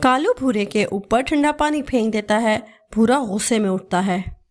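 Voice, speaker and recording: A woman narrating a children's cartoon story in a steady, scripted storytelling manner. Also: a little high, normal speed.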